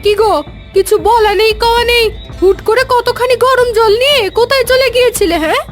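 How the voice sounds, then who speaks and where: A woman's voice: extremely high pitch, fairly quick, soft background music. A woman voicing a nagging, curious village wife in a cartoon, questioning and scolding.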